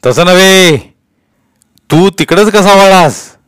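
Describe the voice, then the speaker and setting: A man's voice: high-pitched, slow, fairly bright tone, clear, resonant tone, no room sound, voice pushed up. A man reading a story aloud, voicing a stern, bullying police inspector who barks questions. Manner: barking, interrogating.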